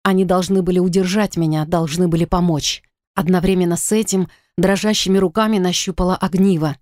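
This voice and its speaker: A woman narrating a first-person fantasy audiobook in an expressive, dramatic reading. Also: lowish voice, fairly quick, dry recording, studio quality.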